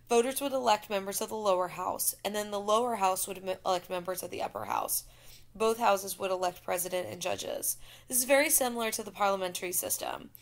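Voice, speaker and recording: Woman, teacher, history lecture over slides, gravelly voice, middle pitch, talks straight to students. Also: a bit bright. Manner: explanatory, addresses students directly.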